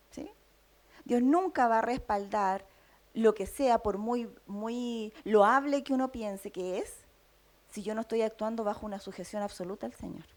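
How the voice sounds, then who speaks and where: A woman with a Chilean accent preaching a sermon, teaching in a steady tone and often checking in with her listeners. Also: fairly high pitch. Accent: Chilean Spanish. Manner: teaching tone, frequent tag questions.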